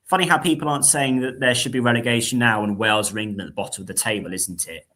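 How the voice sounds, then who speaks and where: A young man co-hosting a casual sports podcast, animated and dramatic, mocking himself. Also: medium pitch, quick pace. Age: young adult. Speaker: podcast co-host.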